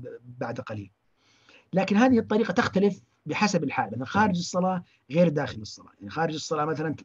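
A man giving a religious lesson, halting often and restarting his words. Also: medium pitch, husky, dull audio. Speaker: religious teacher.

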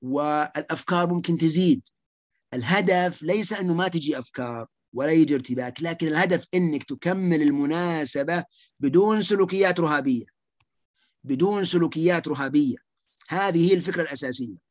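A man lectures on treating social anxiety, pressing each point by repeating it. He speaks very quickly in a slightly higher voice than most men. The sound is dry and close, with no room echo. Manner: rapid, emphatic, repeats key points. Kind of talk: lecture with slides.

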